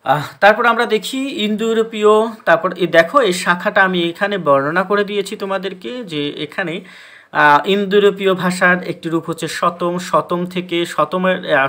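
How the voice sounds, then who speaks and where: A male teacher lectures his students in a bright, slightly high voice. He explains step by step, pauses on frequent hesitation sounds, and asks questions only to answer them himself. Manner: many hesitation sounds, demonstrates breathing. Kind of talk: classroom lecture.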